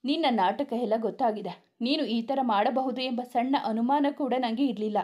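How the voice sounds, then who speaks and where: A woman's voice: fairly high pitch, normal speed, natural voice. A woman voicing a heartbroken young male college student in a storybook reading. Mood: angry. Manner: shouting accusations, then tearful.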